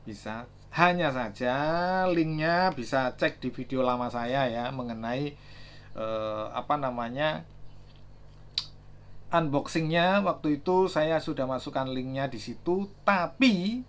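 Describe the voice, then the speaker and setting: Slow-talking man demoing gadgets. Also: mid-range voice, slight background noise. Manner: thinks aloud, reads out numbers, many fillers. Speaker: gadget reviewer. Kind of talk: casual product demo.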